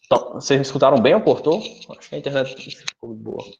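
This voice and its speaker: A man's voice: mid-range voice, quick pace, creaky, darkish tone, slight background noise. A man with a Brazilian Portuguese accent gives a technical presentation as a guest engineer in an online forum. He explains step by step and often stops to check in with tag questions. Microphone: video call. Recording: muffled lo-fi online call audio.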